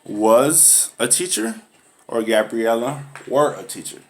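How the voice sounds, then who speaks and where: A woman's voice: rumbling low, takes it slowly, a little mellow. A woman playing a patient but firm schoolteacher who drills grammar and scolds a pupil for laughing at classmates. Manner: patient, corrective, lecturing on humility. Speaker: teacher. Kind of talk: comedy skit acting.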